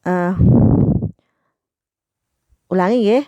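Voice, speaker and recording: Teacher reading a lesson, dry sound. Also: female voice, fairly low pitch, very slow, mellow, dry recording. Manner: explains each answer, many "nah" and "eh" fillers. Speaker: primary school teacher. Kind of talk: reading a textbook lesson aloud.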